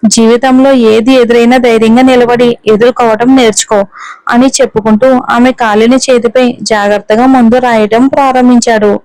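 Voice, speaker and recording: A woman narrating a romantic story in a steady storytelling manner, reading all the characters in her own voice. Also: on the high side, no room sound, poor audio.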